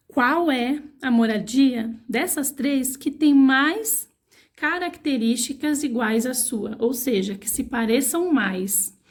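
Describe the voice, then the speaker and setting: Slow, patient woman teaching young children. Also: a little high. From Brazil. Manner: slow, patient, spells words syllable by syllable; asks the children questions, coaxing. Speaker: primary school teacher. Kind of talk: recorded online lesson for young children.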